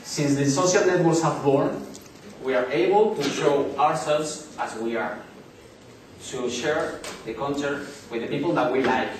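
A Spanish-accented man in his thirties gives a business presentation in English at a conference in a large hotel hall, speaking haltingly with frequent pauses, fillers and restarts. His medium-pitched voice is picked up by a distant camera in the audience, sounding echoey with slight background noise.

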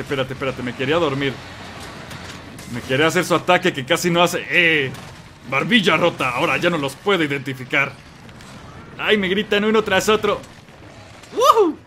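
Excitable young Mexican gamer with a Mexican Spanish accent, bright and sharp, yelping through a let's play. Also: male voice, a little high, a little hiss or hum. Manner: excitable, yelps and curses at the game.

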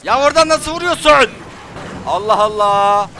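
Young guy gaming, high voice that jumps all over, grumbling and swearing. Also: animated, moderate pace, pushed and bright, slight background noise. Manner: frustrated, swearing and taunting. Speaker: gameplay commentator. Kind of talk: let's play commentary.

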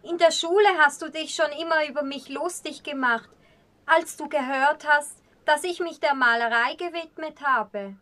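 A woman's voice: sits high, bright, forceful tone. A woman playing proud blind painter Sabrina. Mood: scornful. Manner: scornful, quick retorts. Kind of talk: acted short-film dialogue.

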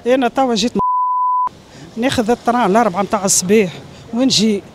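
A middle-aged Tunisian-accented woman with a higher voice speaks quickly and emphatically, pleading in agitation as she airs a grievance in a street interview. She's recorded outdoors on a busy city street through a handheld reporter mic, with heavy background noise.

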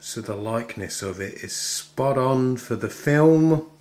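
A man's voice: medium pitch, expressive, unhurried, a little mellow. A man in his thirties with an English accent, chatting cheekily to camera in a casual vlog. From England. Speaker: vlogger. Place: inside a car while driving. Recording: road noise in moving car.

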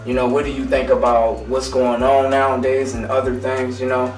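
A man's voice: medium pitch, completely flat delivery, normal speed. A man in his thirties interviewing a barber in a hyped, slangy way, often saying "you know what I mean". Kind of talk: casual interview. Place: small room indoors. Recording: roomy, distant mic, faint music.

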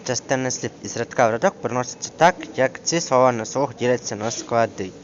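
A man tutoring one student through a grammar lesson in a casual, hesitant way, with many fillers, reading example words slowly. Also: medium pitch. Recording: dull lo-fi screen recording with clear background noise.

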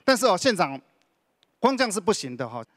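A man's voice: high-pitched, very animated, fairly quick, fairly bright tone, dry recording, clean studio sound. A man, a county official answering on a panel, explaining at length with many sentence particles. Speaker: deputy director of a county culture and tourism bureau.

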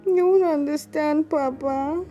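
Woman playing a high, slow, wheedling girlfriend. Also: mellow, soft background music. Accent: Nigerian. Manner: wheedling, giggly. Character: young woman sweet-talking her boyfriend for money. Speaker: girlfriend in a comedy skit. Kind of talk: comedy skit acting.

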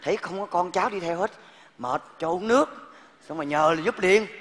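An actor playing an eager young suitor who turns meek and polite before the elder in a live stage comedy sketch. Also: male voice, sits high, brisk, a bit bright. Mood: excited. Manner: eager then deferential, polite particles. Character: young earnest male suitor from the city. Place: large theater stage. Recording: live stage, long hall reverb.

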